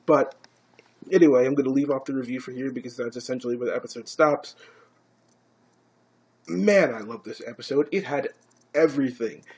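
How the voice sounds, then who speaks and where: A man casually recapping and reviewing an anime episode, swearing freely and growing excited. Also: medium pitch, breathy edge. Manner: casual, profane, grows excited.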